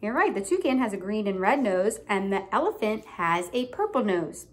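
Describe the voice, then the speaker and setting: In a sing-song, mid-range voice, a young woman reads a picture book to a small child in a room at home. She reads like a teacher, deliberately stressing phrases and prompting the child with questions.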